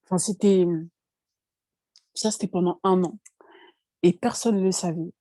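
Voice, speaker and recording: Young woman, personal testimony, hesitant and emotional, mellow voice, dry sound. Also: fairly low pitch, steady tone, unhurried, no echo. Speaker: convert giving testimony.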